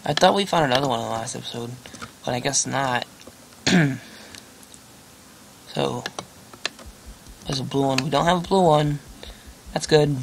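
With vocal fry and long pauses, a young man speaks at a measured pace in a medium-pitched voice as he comments casually on gameplay for his gaming channel. He rambles, pokes fun at himself, and uses many fillers; the noisy home recording catches keyboard clicks and typing.

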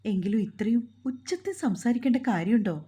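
A playful young wife pleads and teases in a coaxing tone, as a woman narrator puts her on. Her voice is soft and mellow with a breathy grain. Some lines rise high and sing-song. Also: animated, brisk.

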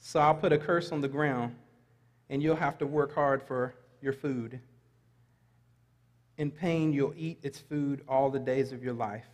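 A man's voice: mid-range voice, fairly even intonation, unhurried, pauses often, darkish tone. A middle-aged man preaching a sermon in a large church sanctuary, reading scripture aloud and adding light asides to the congregation. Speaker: pastor. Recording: long reverb of a large hall.

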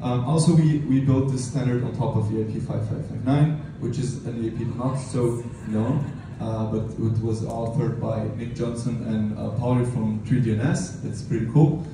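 A man in his thirties speaking at a conference in an informal technical lightning talk, with hesitant, halting delivery and repeated words. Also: mid-range voice, steady tone. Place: medium conference room, indoors. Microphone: handheld mic through PA, picked up by a distant camera. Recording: roomy, distant, noisy room recording.

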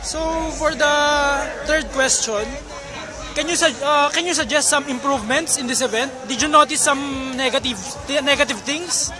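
Very high-voiced male interviewer outdoors. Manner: halting, rewords his questions. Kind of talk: informal on-site interview. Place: outdoors at a busy race event. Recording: crowd and music outdoors. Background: crowd and music.

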